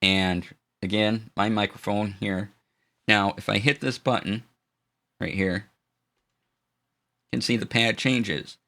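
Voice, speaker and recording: A low-voiced man explains audio gear in a relaxed, halting live-stream demo full of fillers and restarts, warmly greeting viewers in chat. He's using a studio dynamic mic.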